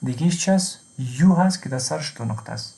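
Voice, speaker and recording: A man with an Afghan Dari accent, teaching a slow language lesson who says each example word twice and then translates it. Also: on the high side, animated, vocal fry, noisy background.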